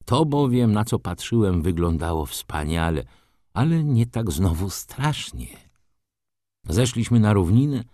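A man reading a story aloud in the first person, with expressive scripted narration. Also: lowish voice, measured pace, dry recording, clean studio sound. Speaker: audiobook narrator.

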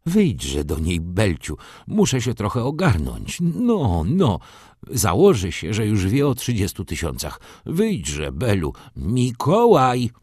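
A man's voice: fairly low pitch, wildly swooping pitch, slow, darkish tone, husky, no echo, clean studio sound, exaggerated voice. A man voicing an agitated, tearful elderly nobleman father in an audiobook reading. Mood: flustered. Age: older. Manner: emotional, exclaiming, breaking into tears.

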